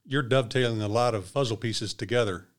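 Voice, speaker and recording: A man from Kentucky hosting a scripted interview podcast in a measured, encouraging way. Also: mid-range voice. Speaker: podcast host.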